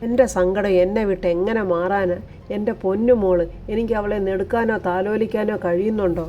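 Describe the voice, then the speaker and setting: A woman's voice: mid-range voice, fairly even intonation, fairly quick, lo-fi sound, a little hiss or hum, natural voice. A woman voicing a bedridden young mother who speaks in a sorrowful, despairing way, in a TV serial recap. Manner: sorrowful, self-pitying.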